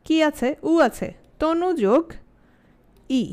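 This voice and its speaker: A woman with a Bangladeshi Bengali accent teaching an online grammar class. She asks the students many questions and repeats example words slowly. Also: high voice, lively intonation, a little mellow.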